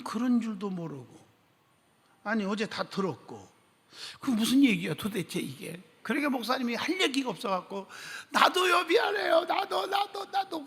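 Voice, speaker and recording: High, gravelly-voiced male pastor preaching. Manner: animated storytelling, acting out quoted speech, questioning the congregation. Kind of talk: sermon. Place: church sanctuary. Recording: long church-hall reverb.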